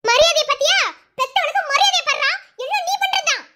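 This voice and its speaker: Woman voicing a shrill, teasing Madurai village wife. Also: a little fast, heavy background noise. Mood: scolding. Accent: Madurai Tamil. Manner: teasing, scolding banter. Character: sharp-tongued young village wife, teasing, quick to scold. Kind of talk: cartoon voice acting.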